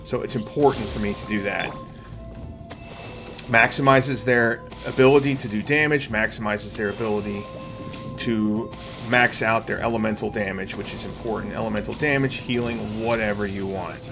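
Streaming from an indoor room at home, a middle-aged man explains his video game play to viewers in a casual way while game music plays in the background. His voice is on the low side, steady and moderately paced.

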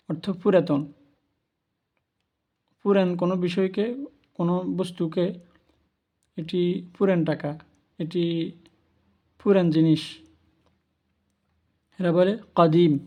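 Teaching Arabic pronunciation aloud, a male language teacher takes a slow, careful pace and says each word repeatedly for his learners. Though his voice sits high for a man, it comes across as soft-edged and mellow, and his manner stays patient and instructive the whole way.

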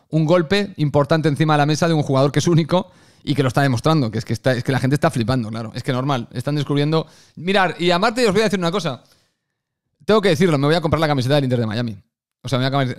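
A Spanish man with a Galician accent, a football youtuber chatting and telling stories to his viewers. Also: fairly high pitch. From Spain. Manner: animated, chatty, addresses viewers directly. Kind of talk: casual fan commentary and storytelling.

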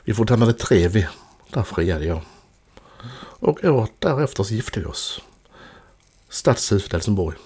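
A man's voice: lowish voice, very animated, long pauses, a little mellow, breathy edge. A man in his fifties from Sweden narrating a voice-over about his life and travels in a chatty, self-mocking way. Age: 50s. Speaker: vlogger.

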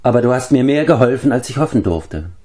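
A man's voice: mid-range voice, animated, fast talker, mellow, voice pushed up, close to an everyday voice. A man voicing an earnest young male hero, a humble pig-keeper, in a storybook reading. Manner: earnest, hopeful.

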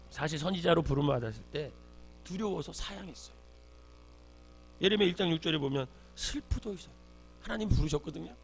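A man's voice: high-pitched, vocal fry. A man preaching an early-morning sermon as pastor, earnest, rising in force when he quotes scripture. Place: church sanctuary. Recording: faint mains hum.

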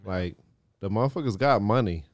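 A man's voice: fairly low pitch, moderate pace, dry recording, clean studio sound. A man co-hosting a podcast, rambling with lots of fillers and swearing in casual chat. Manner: rambling, full of fillers, profane. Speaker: podcast co-host.

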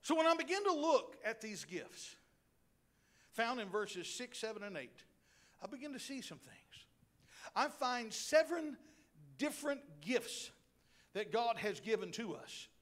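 A middle-aged male pastor preaching a sermon in a church, animated and joking, with asides to the congregation. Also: extremely high pitch, measured pace, long pauses. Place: church sanctuary.

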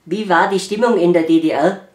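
A man telling jokes after breathing helium, his voice raised until he sounds like a woman, delivering each punchline slowly. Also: sits high, reverberant, heavy background noise. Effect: helium-raised voice that makes a man sound like a woman. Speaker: family channel participant telling jokes.

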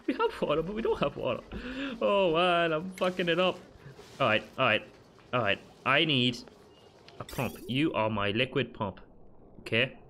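A man giving let's play commentary as a gaming channel host, frantic and swearing, talking to himself and his viewers, his pitch jumping up sharply whenever he panics. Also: expressive, normal speed, bright, forceful tone, a little hiss or hum.

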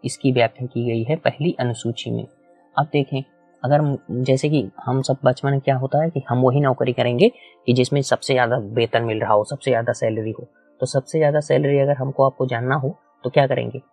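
Guy teaching at a whiteboard, raspy rough voice, keeps asking the class questions, dry room. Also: mid-range voice, steady tone, a little fast, darkish tone, dry recording, soft background music. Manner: explains step by step, repeats key points, asks the class questions. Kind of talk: whiteboard lecture.

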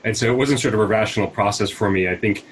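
On a video call through wired earbuds, an American man in his forties who leads a nonprofit gives reflective interview answers full of fillers and restarts. His voice sits on the low side and he talks fast, from a small room at home with slight background noise.

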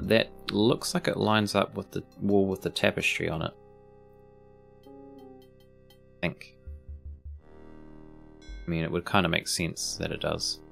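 A man's voice: sits low, vocal fry, a bit bright. A man giving casual, joking let's play commentary as he plays a video game. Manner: laid-back, joking asides. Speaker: gaming video host.

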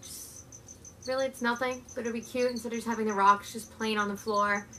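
A young woman giving a relaxed, chatty DIY tutorial with lots of filler words, sitting on her living-room floor and recorded by a camera a few feet away. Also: fairly high pitch, a little fast, a little hiss or hum, rough recording. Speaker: pet care vlogger.

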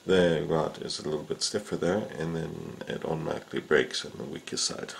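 A man with a gravelly bass voice and a steady tone speaks briskly in a casual how-to on fishing rod repair, though he's described as talking unhurriedly. He works at an indoor bench and uses frequent filler sounds. Slight background noise is present.

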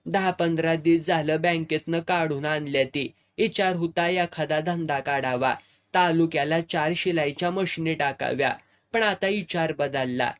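A man's voice: on the high side, measured pace, close to an everyday voice. A man voicing a practical, firm village man who served as a soldier, in a storybook reading. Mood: explaining.

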